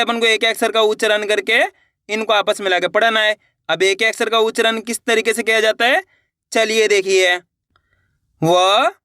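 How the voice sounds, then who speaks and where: Guy teaching reading, sounds out each syllable slow then blends it, high clear voice, dry close sound. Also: sharp tone, dry recording. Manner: addresses viewers as friends, encouraging. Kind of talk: spoken reading lesson.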